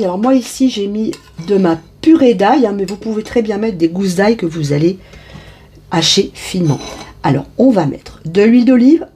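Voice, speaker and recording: A woman hosts her own cooking channel, talking straight to her viewers as she goes through a recipe one step at a time in a casual way. Her voice is medium in pitch with a dark tone.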